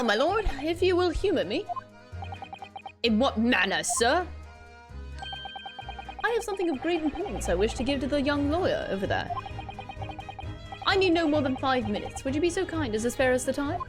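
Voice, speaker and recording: A woman voicing a flamboyant, eccentric male gentleman detective, reading game dialogue aloud in a theatrical, courtly manner. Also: sits high, sing-song, normal speed, long pauses, over music. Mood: courtly, playful.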